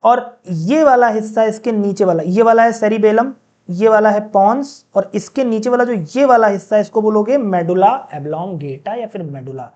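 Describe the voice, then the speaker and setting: A man teaching a class in a casual, chatty way, often asking the students questions and slowly reading out English lines. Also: high voice, a little mellow, lo-fi sound. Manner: mixes in read-out English sentences, slowly. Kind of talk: classroom lecture.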